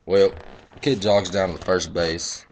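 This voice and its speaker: A young man tells his umpiring stories in a low, deep voice, blunt and full of swearing. The talk is loose and casual, like a home video vlog, with faint clicks in the background. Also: fairly even intonation, a little slow, a little mellow, a little hiss or hum. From Texas. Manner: profane, blunt, boastful storytelling. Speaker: baseball umpire.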